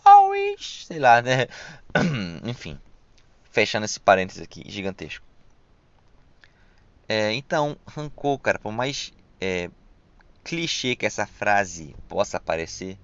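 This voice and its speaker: Gravelly young Brazilian man rambling. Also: fairly low pitch, a little slow, long pauses, fairly bright tone. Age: young adult. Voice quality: hissing s sounds pronounced as sh. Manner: rambling and reflective, with frequent slang and fillers. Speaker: podcast host. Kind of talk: casual solo podcast monologue. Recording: dull lo-fi dry recording.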